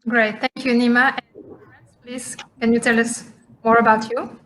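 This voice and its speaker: Bright-voiced woman moderating. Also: fairly high pitch, little pitch movement, measured pace, slight background noise. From France. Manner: hesitant, many fillers and restarts. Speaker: panel moderator. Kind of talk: conference panel moderation.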